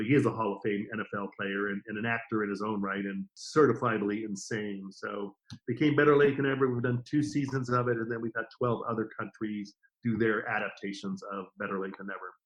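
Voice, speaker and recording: A middle-aged man, a guest on a podcast, telling stories about his career in a casual, lively way and acting out the quotes. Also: lowish voice, lo-fi sound. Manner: lively anecdotes with acted-out quotes. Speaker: podcast guest, TV formats distributor. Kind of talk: casual interview storytelling.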